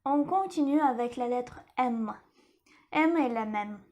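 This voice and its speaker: A woman teaching a lesson in French, repeating each word slowly and carefully. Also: on the high side, lively intonation, over loud music. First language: Russian. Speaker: language teacher.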